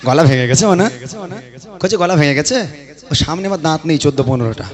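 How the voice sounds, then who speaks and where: A man's voice: fairly high pitch, expressive, fairly quick. A man announcing on stage, joking with and coaxing a live crowd. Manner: teasing, coaxing the audience. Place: live outdoor gathering on a stage. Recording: crowd noise behind.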